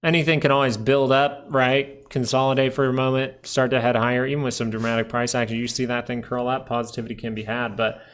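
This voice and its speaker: A man's voice: medium pitch, flat delivery, fast talker, hardly any pauses. A man hosting a live stock market stream, casually talking through charts and thinking aloud as he goes. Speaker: stock market livestream host.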